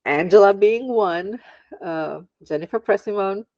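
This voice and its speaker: A woman's voice: mid-range voice, measured pace, warm tone, no room sound, highs cut off. A woman from Germany, an aromatherapist talking as a podcast guest, hesitant with many ums and frequent laughs. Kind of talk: casual interview chat.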